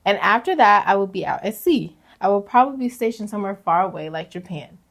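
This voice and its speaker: A young woman co-hosting a casual podcast, reading confessions aloud, animated and slangy, laughing often. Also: mid-range voice, fast. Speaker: podcast co-host.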